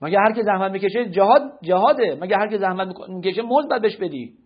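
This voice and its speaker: A man lectures on religion in a high, husky voice, pressing his listeners with question after question. His teaching tone is didactic and rhetorical. The recording is dull and lo-fi. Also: expressive.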